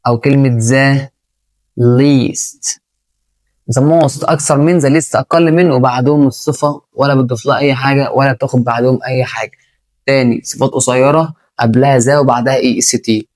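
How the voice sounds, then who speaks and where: A man's voice: medium pitch, a little mellow. A man with an Egyptian Arabic accent teaching an English grammar lesson, talking straight to the student and repeating key points.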